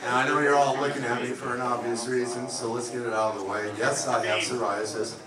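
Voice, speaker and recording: Deadpan stand-up comedian in echoey club. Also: male voice, medium pitch, brisk, distant mic, a loud crowd. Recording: echoey club, mic heard from afar, loud noise. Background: audience laughter.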